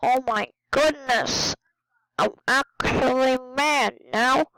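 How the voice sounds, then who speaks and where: A woman's voice: high-pitched, slow pace, dry recording, poor audio. A woman hosting a casual gaming video, talking to viewers as she plays and exclaiming at what happens on screen. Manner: excitable, exclaiming at the game. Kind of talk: casual game commentary.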